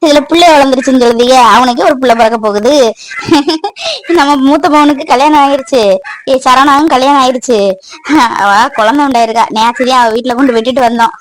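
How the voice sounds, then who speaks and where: A woman voicing a devoted village wife and mother in an animated family drama, pleading and soothing. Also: high-pitched, fast, a little hiss or hum, close to an everyday voice, low-quality recording. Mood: chatty. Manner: pleading, soothing, then bustling.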